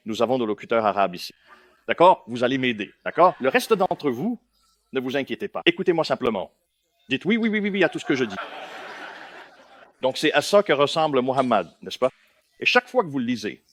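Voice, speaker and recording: Male lecturer, animated pitch, keeps asking the room if they follow. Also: no room sound. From India. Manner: keeps checking in with listeners, questioning and emphatic. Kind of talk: lecture to a live audience.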